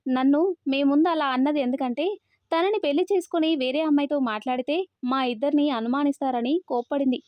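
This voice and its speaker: A woman's voice: high voice, a little fast, no room sound, natural voice. A woman voicing a young man who is grieving and devoted to his uncle, in an earnest storytelling delivery. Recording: dry, slightly dull recording.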